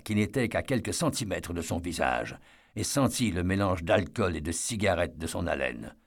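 A man reading a novel aloud as a narrator, in a measured, steady storytelling manner. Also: on the low side, vocal fry. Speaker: audiobook narrator. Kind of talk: scripted narration.

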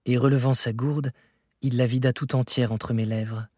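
Husky male audiobook narrator. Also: medium pitch, dry recording, studio quality. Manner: measured, expressive reading of a classic novel. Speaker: audiobook reader. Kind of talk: scripted narration.

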